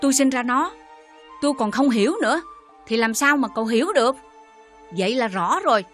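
An actress with a Southern Vietnamese accent playing a bitter older mother who scolds her daughter with sharp sarcasm. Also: fairly high pitch, expressive, brisk, faint music behind. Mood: scornful anger.

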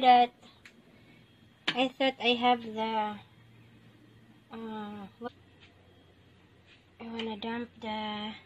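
Filipino-accented woman, cooking vlog, fairly high voice, unhurried talk, noisy kitchen. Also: highs cut off. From Philippines. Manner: chatty, addresses viewers as guys, frequent wow and yummy. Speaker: cooking vlogger. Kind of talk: casual cooking vlog narration. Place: home kitchen, indoors. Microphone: handheld phone camera.

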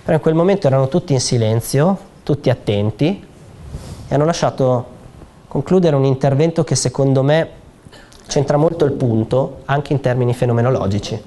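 A man with a mellow, medium-pitched voice explains a proposed law to an audience in a theater. He talks conversationally, pausing on fillers and restarting sentences as he goes. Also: slight background noise. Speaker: speaker presenting a bill at a public conference. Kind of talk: explanatory public talk. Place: theater hall.

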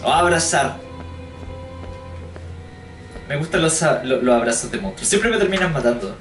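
A man talks through a video game in a loose, joking way, wondering aloud where he is and what comes next. His voice sits a little high, and he sounds set back from the microphone. The room is echoey, and game music plays clearly underneath. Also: lively intonation, brisk, distant mic. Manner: chatty, jokes and thinks aloud while exploring. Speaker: let's play gamer. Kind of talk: gameplay commentary. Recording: roomy echo, voice a bit off-mic.

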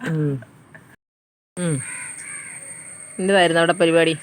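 A mother leads a guessing game at home and keeps teasing and bossing her daughter along. She talks in an unhurried, drawn-out way. Her voice sits at an ordinary pitch for a woman, with a faint hiss of noise behind it. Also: steady tone. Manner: playful, teasing, bossy game-giver. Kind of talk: casual family chat.

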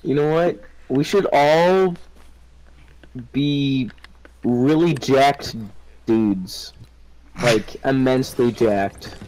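A man chatting casually and joking loudly while playing an online game with friends on a headset mic. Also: mid-range voice, drawn-out words, pauses often, low-quality recording. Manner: animated, jokey, loud bursts. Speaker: gamer. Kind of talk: casual gaming chat with friends.

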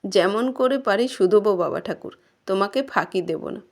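Woman reading as a gentle, grieving old farmer. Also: medium pitch, normal speed, lightly acted. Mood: tender. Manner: soft, pleading and tender.

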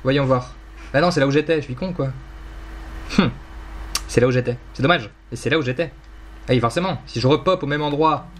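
A man's voice: medium pitch, slight background noise. A young man casually commenting on his Minecraft gameplay, rambling playfully, teasing and mocking himself. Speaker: gaming YouTuber.

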